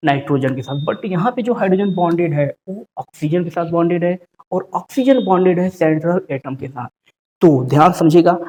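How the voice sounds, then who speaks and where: A male chemistry teacher giving a classroom lecture in a patient explaining tone, repeating key rules and slowly spelling out formulas. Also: on the high side, warm tone.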